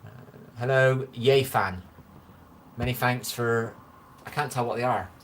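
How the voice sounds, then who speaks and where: A man's voice: medium pitch, measured pace, fairly bright tone, slight background noise. Man, Bristolian West Country accent, mid voice, rambling and chatty live-streamer on a phone. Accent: Bristolian West Country English. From Bristol, England. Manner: rambling, chatty, easily amused. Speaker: livestreamer. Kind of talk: casual live-stream chat reading comments. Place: his own room, lights low.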